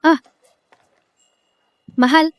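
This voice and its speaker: A woman's voice: drawn-out words, no echo. A woman playing a tipsy, lovestruck, clingy young woman in a dubbed drama. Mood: drunken, clingy.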